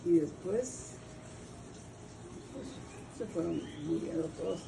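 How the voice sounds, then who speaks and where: A woman's voice: lowish voice, lively intonation, slow, creaky. An older woman with a Guatemalan accent from Guatemala, telling family history in an oral history interview, rambling and searching for names. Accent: Guatemalan Spanish. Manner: rambling storyteller, restarts and hunts for names. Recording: distant mic, noisy with birds cooing.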